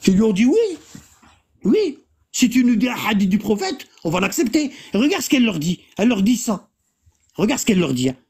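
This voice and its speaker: Husky-voiced speaker walking a listener through religious texts, halting, full of fillers. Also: mid-range voice, very animated, a little mellow. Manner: explanatory, halting, many fillers, reads Arabic texts aloud then translates; keeps pointing listener to the text. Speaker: religious discussion leader. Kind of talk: casual religious discussion.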